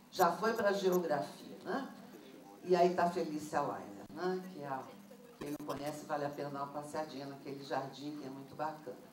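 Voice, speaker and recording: A woman runs a lively workshop for teachers, her lowish voice swinging widely in pitch as she keeps asking the room questions. She is picked up from a distance in a roomy, echoing space, with plenty of background noise. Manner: lively, asks the audience questions. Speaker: teacher trainer.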